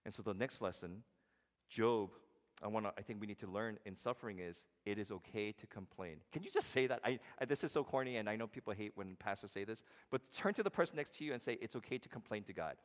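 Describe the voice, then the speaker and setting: A man preaching a sermon, animated, jumping from loud exclamations to hushed quoted lines. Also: fairly low pitch, quick pace, in a large hall. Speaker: pastor.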